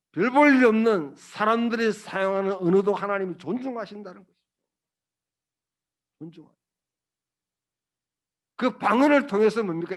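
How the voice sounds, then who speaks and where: High-voiced pastor preaching emphatically. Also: male voice, a bit bright. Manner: emphatic, rhetorical questions to the congregation; colloquial, blunt asides. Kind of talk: sermon.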